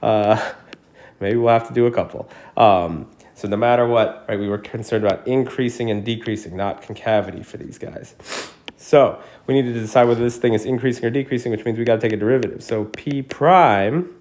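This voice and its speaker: A man teaching calculus in a casual screencast lesson, thinking out loud and checking in with his students, coughing now and then. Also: medium pitch, a little fast. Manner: casual, thinks aloud with frequent "right?". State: coughing repeatedly. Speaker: math teacher. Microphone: screencast recording mic.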